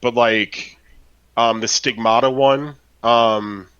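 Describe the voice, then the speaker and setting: A man's voice: mid-range voice, steady tone, slow pace, a bit bright, clear, resonant tone, lo-fi sound. A man chatting casually on a podcast about a role-playing game, rambling with lots of fillers and tag questions. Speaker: podcast co-host.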